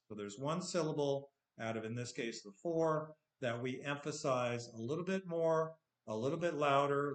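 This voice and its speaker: In an echoey room, a man from the United States runs a patient screen-share English lesson, often asking "okay?" to check on the learner. He speaks in a mid-range, fairly bright voice, his Californian accent touched with a little Texan.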